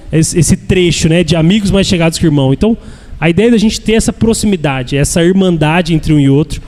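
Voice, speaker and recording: A man's voice: on the high side, darkish tone. A man with a Brazilian accent teaching at a church congress, earnest and repetitive, often checking in with "né?". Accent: Brazilian Portuguese. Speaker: church speaker. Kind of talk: sermon-style teaching. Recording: echoey hall with long reverb.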